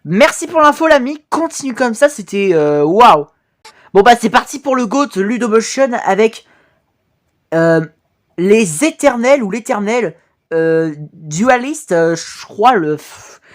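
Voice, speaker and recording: A woman talking as an excited anime fan in a casual, sweary reaction commentary, gushing with slangy exclamations. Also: a little high, unhurried. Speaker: reaction video host.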